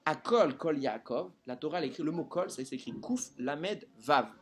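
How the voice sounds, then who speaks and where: Male Torah teacher addressing a live group, somewhat high-pitched, very expressive delivery, constantly quizzing his listeners. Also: moderate pace, slightly rough. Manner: animated, quizzes listeners with rhetorical questions.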